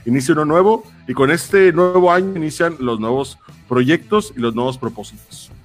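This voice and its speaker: A man's voice: a little high, normal speed. Mexican man chatting casually over music. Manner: slangy. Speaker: podcast host. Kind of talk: casual chat.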